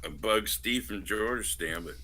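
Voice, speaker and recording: A man's voice: fairly low pitch, moderate pace, bright, forceful tone. A man chatting casually as a guest on a livestream. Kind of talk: casual chat.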